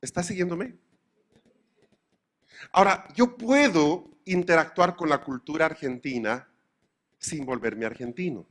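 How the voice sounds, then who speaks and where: A man giving a lecture to a live audience, animated and full of anecdotes, often asking his listeners if they follow him. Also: on the high side, unhurried, long pauses. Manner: animated, often checks in with the audience through questions; acts out both sides of everyday dialogues.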